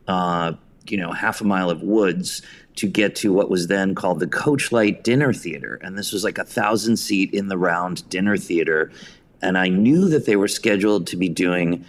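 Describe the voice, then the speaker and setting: Speaking at a moderate pace in a voice that sits low, the podcast guest is a theater writer and director in his fifties from suburban New York. He tells self-deprecating personal stories during the interview.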